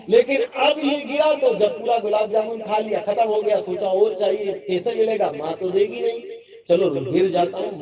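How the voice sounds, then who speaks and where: A man giving a devotional sermon, telling a story in an emphatic, repetitive way. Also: sits high. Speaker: preacher. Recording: dull lo-fi sound with a crowd behind.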